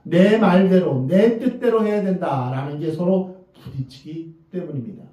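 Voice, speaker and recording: A man preaching a sermon to his congregation, earnest and measured, and he often puts rhetorical questions to his listeners. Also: on the high side. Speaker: pastor. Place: church sanctuary. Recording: very echoey, distant, dull church recording.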